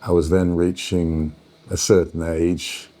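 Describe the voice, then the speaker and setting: Deep-voiced man telling stories. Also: slow. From Yorkshire, England. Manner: animated anecdotal storyteller. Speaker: interviewee. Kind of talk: storytelling interview.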